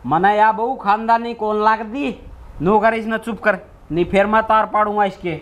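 A man's voice: high voice, steady tone, moderate pace, a bit bright, highs cut off. A man with a Haryanvi accent playing a brazen drunken village son-in-law in a comedy skit, rambling argumentatively like a town drunk. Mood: belligerent. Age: young adult. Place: open concrete house courtyard, outdoors.

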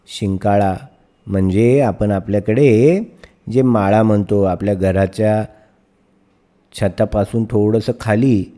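A man's voice: fairly low pitch, warm tone. A man teaching young children, reading a story aloud and stopping to explain words and ask questions. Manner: storyteller who pauses to question young pupils.

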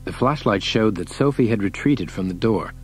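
A man narrating an audiobook in a steady, measured reading. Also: on the low side, a little hiss or hum, low-quality recording. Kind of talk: scripted narration.

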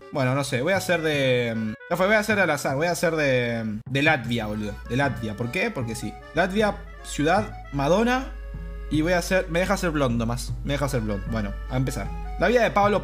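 A man's voice: a little high, very animated, brisk, a bit bright, soft background music. A young man with an Argentine accent, a brash, profane streamer reading game text aloud and commenting. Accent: Rioplatense Spanish. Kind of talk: casual gameplay commentary.

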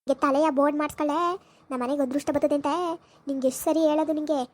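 A woman playing a sharp-tongued village mother who scolds her son with insults in a comedy skit. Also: high-pitched, flat delivery, lightly acted. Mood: scolding. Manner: scolding, shouting insults, rapid-fire.

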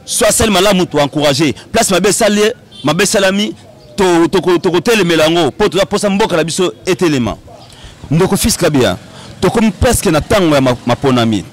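A young man hosting a casual interview outdoors on a handheld mic, animated and quick to interject. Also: sits high. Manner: animated, interjecting, laughs often. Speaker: host. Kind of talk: casual interview in French and Lingala. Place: outdoor courtyard set.

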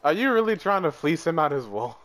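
A man chatting with friends over voice chat while gaming, joking and cursing loudly. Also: fairly high pitch, big pitch swings, brisk. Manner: loud, profane, joking banter. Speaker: gamer.

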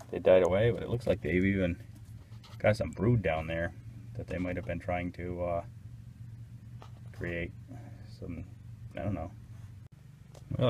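Outdoors among his beehives, a beekeeper casually narrates his inspection, thinking aloud in a hesitant, unsure way. His voice is low and darkish, with slight background noise.

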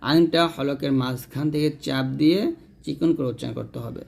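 A man's voice: fairly high pitch, a little fast, gravelly, a little mellow. A man teaching Quran letter pronunciation step by step, sounding out each letter and answering his own questions.

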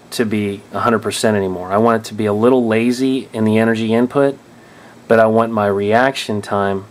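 A man's voice: lowish voice, slight background noise. A man explaining drone control settings in a casual tutorial, thinking aloud and often restarting or correcting himself. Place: indoors at a table.

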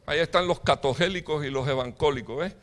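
A middle-aged man preaching a sermon as pastor, with impassioned preaching, sudden loud outbursts and jokes with the congregation. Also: a little high, fast. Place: church hall.

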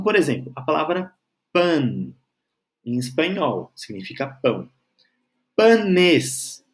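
A male teacher with a slightly higher voice and very lively intonation. He explains grammar patiently, drags out syllables when he spells words, and keeps checking that the learner is following. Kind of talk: online grammar lesson.

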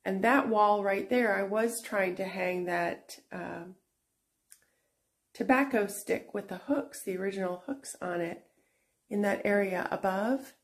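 A middle-aged antique shop owner and channel host shows off her antique booth in a casual vlog. Her mid-range voice is unhurried and chatty, full of fillers and restarts.

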